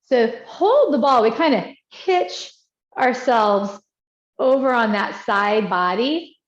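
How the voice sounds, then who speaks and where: A woman teaching tai chi, giving calm, encouraging movement cues in short, unhurried phrases. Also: a little high. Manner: encouraging, praising as she guides. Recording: dull, echoey room sound.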